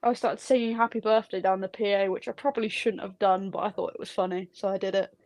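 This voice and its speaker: A woman's voice: medium pitch, fairly even intonation, fast talker, darkish tone, no room sound. A woman theme park ride operator, chatting candidly as a guest in a studio interview. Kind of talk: casual interview chat.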